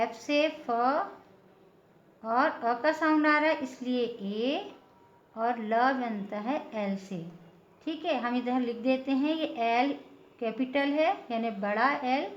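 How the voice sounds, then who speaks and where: A woman's voice: high-pitched, takes it slowly, slight background noise. A woman teaching a patient, step-by-step lesson, often checking in with her listeners. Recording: echoey room, dull lo-fi sound.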